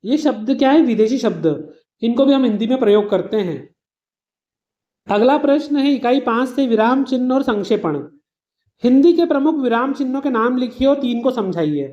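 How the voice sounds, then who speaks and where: Soft-toned woman teaching an exam revision lesson. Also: fairly high pitch, expressive, normal speed, lo-fi sound. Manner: explains patiently with simple everyday examples, addresses students as "beta".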